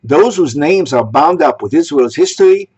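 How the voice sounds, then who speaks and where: Husky man delivering a measured sermon. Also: on the high side, expressive, a little mellow. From Egypt. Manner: measured, rhetorical questioning. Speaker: synagogue speaker. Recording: dull lo-fi recording.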